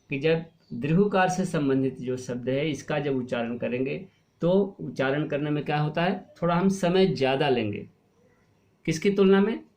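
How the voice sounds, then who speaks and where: A male teacher explaining a Hindi spelling lesson to young pupils, asking questions and answering them himself, and drawing out words slowly to show how they sound. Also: a little high, a little mellow. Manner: explains patiently, asks and answers his own questions; stretches and stresses words to show pronunciation. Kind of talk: online class lesson.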